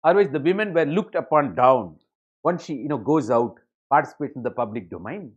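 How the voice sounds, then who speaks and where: Fast-talking man lecturing. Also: medium pitch, animated, breathy edge. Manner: rapid, filler-heavy, addresses students as ladies and gentlemen. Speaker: exam coaching educator. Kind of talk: online lecture. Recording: dull lo-fi lecture audio.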